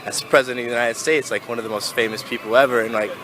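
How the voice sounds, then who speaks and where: A man's voice: medium pitch, steady tone, rapid-fire, background noise. A man of twenty answering interview questions outdoors in a casual way, with lots of "like". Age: 20s. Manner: casual, says "like" a lot. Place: outdoors in a city street.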